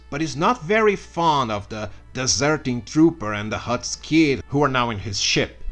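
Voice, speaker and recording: Guy narrating a comedy story recap, bright and kind of sharp, sarcastic asides, faint music underneath. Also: mid-range voice. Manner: sarcastic asides and mock outbursts.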